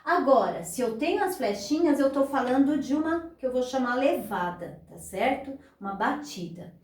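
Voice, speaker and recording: A woman's voice: sits high, animated, normal speed, darkish tone. A woman teaching beginners guitar, explaining patiently step by step and counting beats aloud. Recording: echoey room, voice a bit far from mic, guitar playing.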